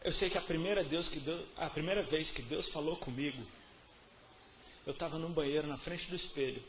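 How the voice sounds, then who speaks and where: A man with a Brazilian Portuguese accent preaching a sermon, telling his testimony in casual slang with lots of repetition, dropping to soft murmurs and rising to loud outbursts. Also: fairly high pitch, brisk, background noise.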